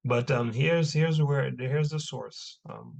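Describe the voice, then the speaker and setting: A man with a slow, creaky, darkish voice of medium pitch teaches religious history informally. He reads texts aloud and keeps checking in with short tags and rhetorical questions as he makes his points.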